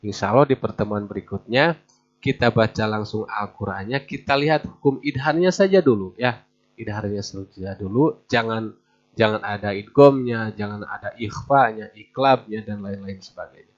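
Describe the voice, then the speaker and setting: A man teaching Quran recitation rules to beginners, patiently repeating each example with slow, drawn-out recitation. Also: fairly low pitch. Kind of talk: tajwid lesson for beginners. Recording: dull lo-fi recording.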